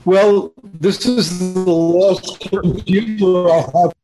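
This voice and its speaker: A man calling in on a video call, his audio slowed down and laggy, halting and repeating words as his connection fails. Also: high-pitched, steady tone, music in the background, rough recording. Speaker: caller on a live video call. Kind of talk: casual chat. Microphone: computer on a video call.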